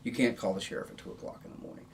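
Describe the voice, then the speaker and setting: A man's voice: very fast, slight background noise. A man interviewed as the father of a crime victim, speaking emphatically and repeating his phrases.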